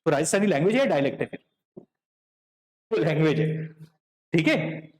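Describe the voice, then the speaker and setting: A high-pitched man lectures a class in a chatty, explanatory way. He keeps checking in with his students, asking whether they follow. His voice rings in an echoey classroom. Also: expressive, moderate pace, a little mellow. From Vidarbha, Maharashtra. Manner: checks in with the class often, asking "correct?" and "clear?". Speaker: teacher. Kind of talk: classroom lecture in Hindi mixed with English.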